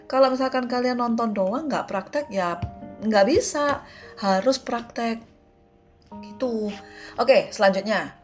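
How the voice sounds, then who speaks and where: Slow-paced Indonesian woman teaching. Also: mid-range voice. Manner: repeats syllables slowly, drills viewers. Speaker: Mandarin pronunciation teacher. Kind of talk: casual online lesson.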